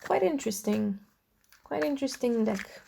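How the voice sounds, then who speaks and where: A woman's voice: on the high side, expressive, normal speed, gravelly, mellow, slight background noise. A young woman giving a casual tarot reading to her viewers, chatty and earnest, who says she is losing her voice. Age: young adult. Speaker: tarot reader.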